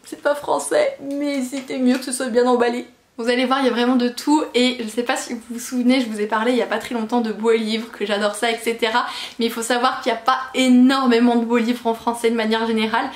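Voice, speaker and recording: A woman's voice: fairly high pitch, level tone, quick pace. A woman book vlogger chatting casually and gushing over her new books as she unboxes them, giggly and self-mocking. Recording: echoey room.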